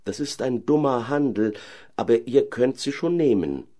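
A man voicing a young, excitable caliph who has been turned into a stork. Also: medium pitch, normal speed, voice pushed up, natural voice. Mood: weary. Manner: excited, pleading.

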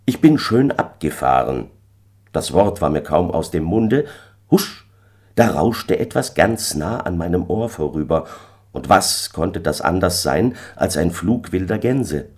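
A man narrating an old-fashioned tale in an expressive storytelling manner. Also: low-pitched, measured pace, husky. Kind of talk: storybook reading.

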